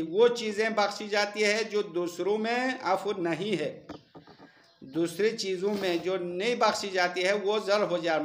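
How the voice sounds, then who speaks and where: A man with a somewhat high voice teaches a classroom lesson, explaining each point step by step. He stops to quiz his students and chants Arabic verses slowly. The sound is roomy, with echo from the classroom walls. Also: fairly bright tone.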